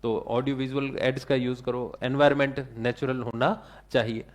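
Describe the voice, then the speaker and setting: A man's voice: mid-range voice, level tone, moderate pace. A male teacher giving a classroom lecture, asking the class questions and answering them himself, with English terms mixed into his talk.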